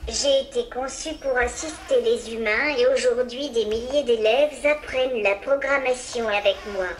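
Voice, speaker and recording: A woman's voice: fairly high pitch, normal speed, slight background noise. A synthesized, female-sounding voice of a small humanoid robot, which answers a presenter's commands politely and formally. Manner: polite, formal, even delivery. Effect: synthesized robot voice from a speaking machine.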